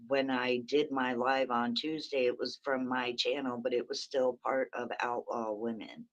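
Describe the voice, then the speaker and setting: A very raspy bass voice belongs to this livestream host, who chats and rambles from her phone in the early morning, addressing viewers by name. The recording is muffled.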